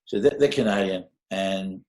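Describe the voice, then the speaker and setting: An Australian music mastering engineer in his fifties, with a deep, slightly mellow voice at normal speed, is a guest on a casual interview podcast. He tells stories in a rambling, hesitant way, with lots of fillers and casual swearing, and the room sounds echoey.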